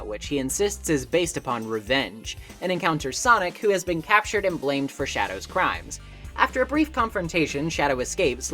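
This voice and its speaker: A low-pitched woman's voice, a bit bright, delivers a scripted video essay. She reviews games and makes video essays, and her narration comes across as articulate, wry and conversational against background music.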